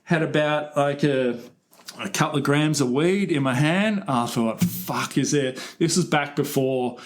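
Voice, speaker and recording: A man's voice: a little high, unhurried. Australian man telling a wild story. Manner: swears freely, animated storyteller. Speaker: podcast co-host. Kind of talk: casual storytelling.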